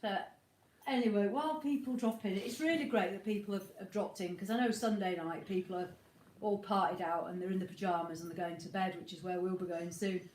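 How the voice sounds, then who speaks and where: On a livestream from home, a woman with a cold chats casually and rambles, warmly greeting her viewers as co-host of a motorhome live chat. Her medium-pitched voice is a bit snotty, fairly even in intonation and a little fast. She's recorded indoors on an iPad, with a roomy echo and a little hiss or hum.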